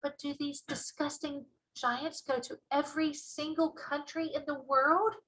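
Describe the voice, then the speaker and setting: A woman's voice: high voice, fairly even intonation, a little slow, fairly bright tone, rough recording. A woman voicing a curious, polite young girl in a children's storybook, earnest and easily horrified. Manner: earnest questioning. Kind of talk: children's storybook read-aloud.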